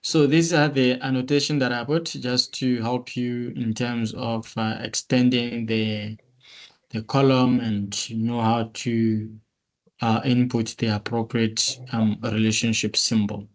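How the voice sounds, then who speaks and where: Guy teaching on a video call, slow and methodical, walks thru each step. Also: mid-range voice, little pitch movement. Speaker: instructor. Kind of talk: screen-share tutorial walkthrough. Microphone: computer mic on a meeting call.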